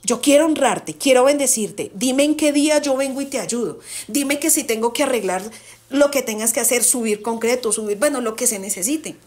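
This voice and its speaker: A woman teaching a Bible study to her congregation, asking the group questions and slowing down on key words for emphasis. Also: on the high side, darkish tone. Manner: asks the group questions and repeats answers.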